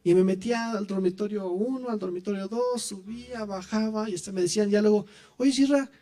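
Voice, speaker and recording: Guy preaching his testimony at church, high pitched, talks right to the crowd, warm tone. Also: brisk. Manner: animated storytelling, addresses listeners directly. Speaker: church speaker giving testimony.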